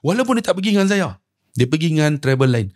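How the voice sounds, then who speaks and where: A middle-aged man with a Malaysian Malay accent, a preacher telling a story on a talk show with lively, swinging pitch and acted-out dialogue. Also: quick pace. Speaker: preacher and umrah tour guide.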